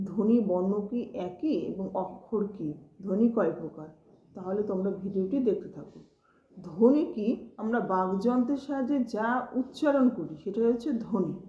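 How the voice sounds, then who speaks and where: A woman's voice: mid-range voice, mellow, dull audio. A woman teaching a grammar lesson to students, patiently asking questions and answering them herself. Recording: echoey room.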